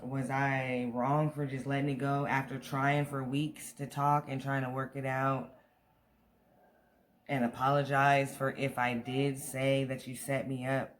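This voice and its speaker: A man's voice: medium pitch, level tone, unhurried. An American man with a mid-range voice, chatting in a loose storytime vlog style. He rambles and vents, circling back to questions for viewers. There is faint noise behind him. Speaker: vlogger. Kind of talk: casual storytime chat to viewers. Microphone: camera on a tripod.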